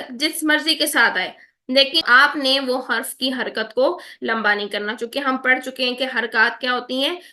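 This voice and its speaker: A woman teaching Quran recitation in an online lesson, patiently drawing words out slowly to demonstrate and checking in with her students often. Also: sits high, bright, forceful tone. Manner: checks in often with "theek hai?".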